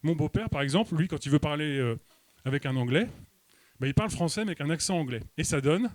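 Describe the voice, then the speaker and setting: French guy doing stand-up, kinda high voice, dry sound, deadpan and hesitant. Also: fast talker, no echo. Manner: deadpan, mock-serious delivery with hesitations. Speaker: stand-up comedian. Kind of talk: stand-up comedy set. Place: comedy club stage.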